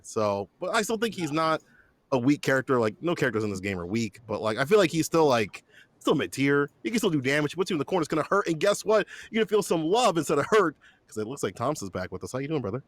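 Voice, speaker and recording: A man commentating a live fighting game tournament, joking and excitable in his play-by-play. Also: fairly high pitch, fast, no echo. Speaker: esports commentator.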